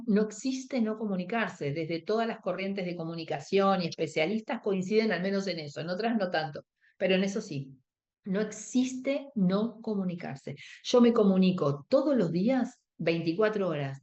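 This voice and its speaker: A woman's voice: on the low side, animated, moderate pace, a little mellow, highs cut off. A woman with a Rioplatense Spanish accent teaching a workshop on emotional first aid, explaining step by step, acting out quoted dialogue and checking in with her listeners. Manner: explanatory, acts out quoted dialogue, asks the audience for agreement. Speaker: workshop instructor.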